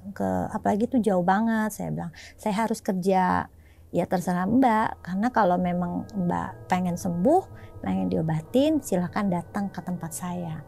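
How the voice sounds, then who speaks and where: A woman from Indonesia casually retelling a personal experience, acting out the dialogue in raised, animated voices. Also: fairly low pitch, moderate pace, creaky, faint music behind. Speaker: storyteller sharing a personal experience.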